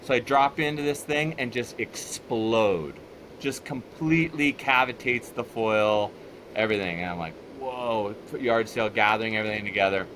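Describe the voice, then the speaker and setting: A man telling casual stories in a relaxed chat, animated and laughing as he goes. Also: on the low side, normal speed, slight background noise. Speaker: podcast guest.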